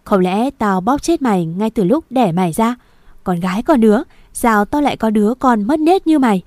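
A woman voicing a harsh, angry father who shouts and threatens his daughter in a storybook reading. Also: a little high, expressive, normal speed, no echo, close to an everyday voice. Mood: furious. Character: harsh angry village father, middle-aged man.

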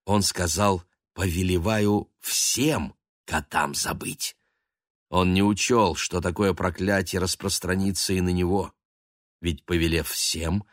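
A man narrating a children's storybook in a calm, measured reading voice. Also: sits low, no room sound, clean studio sound.

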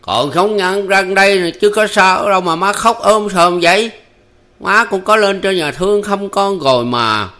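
A man's voice: medium pitch, normal speed, lightly acted. A man voicing a young injured husband with a Southern Vietnamese accent, weary, blunt and rustic. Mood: resigned. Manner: blunt, rustic, half-joking.

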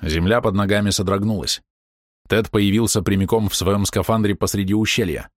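A man narrating an audiobook in an expressive storytelling manner. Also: fairly low pitch, a little fast, no room sound, clean studio sound. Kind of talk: scripted narration.

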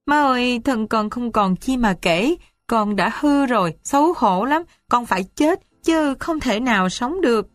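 A woman voicing a young daughter who pleads through tears in a high, trembling voice, in a dry-sounding storybook reading. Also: animated, unhurried, hardly any pauses, no echo. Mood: tearful. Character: weeping young daughter, ashamed and despairing.

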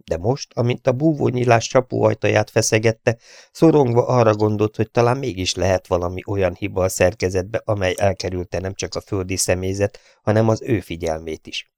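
A man narrating an audiobook in a measured, dramatic way, voicing each character. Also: on the low side, steady tone, darkish tone, no echo, studio quality.

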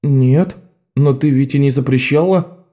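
A man's voice: medium pitch, a little slow, voice pushed up, close to an everyday voice. A man voicing a small, clever boy pickpocket who speaks hesitantly and sheepishly. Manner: hesitant, sheepish, quietly proud.

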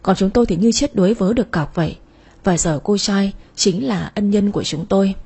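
A woman narrating a sad first-person story in a soft storytelling manner. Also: mid-range voice, a little fast, husky.

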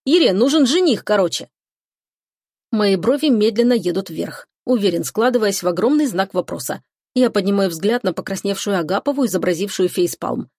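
A woman's voice: mid-range voice, lively intonation, a little fast, darkish tone, dry recording, clean studio sound. A woman narrating a first-person novel as an audiobook, with a wry, mocking tone. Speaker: audiobook reader.

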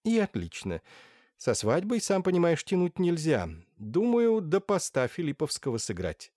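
Guy putting on a high sly old lady, bossy and mocking, swoops up and down, dry audiobook sound. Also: huge pitch swings, normal speed, dark tone, no echo. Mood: coaxing. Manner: wheedling, then hissing. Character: scheming older noblewoman, domineering, mocking. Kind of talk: audiobook character voice. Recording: dry close studio sound.

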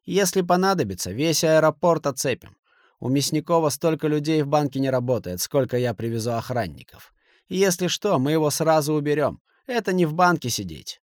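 A hot-tempered middle-aged businessman who barks and shouts, his voice pushed well above the reader's own, as a male narrator puts him on. It is heard in a dry, close audiobook recording with no room echo. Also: fairly high pitch, animated, a little fast, pitched above the performer's own voice, natural voice. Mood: commanding. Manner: raised, shouting, forceful.

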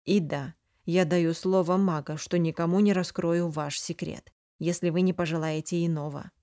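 Cold calm duke mage grilling someone, lady reading it in her own low warm voice, dry sound. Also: moderate pace, no echo, lightly acted. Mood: measured. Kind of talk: audiobook character reading.

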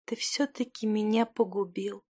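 A woman's voice: medium pitch, steady tone, normal speed, dark tone, close to an everyday voice. A woman reading an audiobook voices a dying young woman who whispers faintly and with resignation. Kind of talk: audiobook character voice.

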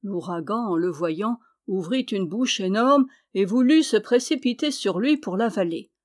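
Reading a folk tale aloud, a female storyteller uses a measured, expressive delivery. Her pitch is middling for a woman.

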